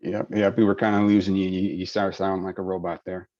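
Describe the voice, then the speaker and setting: A man moderating a public webinar and answering questions in a relaxed, filler-heavy, folksy way over a video call. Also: sits low, a little fast, dry recording. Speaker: webinar moderator and project lead. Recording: dry, dull video call audio.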